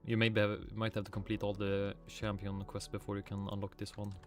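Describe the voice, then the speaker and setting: Over faint music and the sound of typing, a Swedish-accented streamer from Sweden talks casually through his game livestream, muttering, swearing a little, and replying to chat. He speaks a little fast in a fairly low monotone.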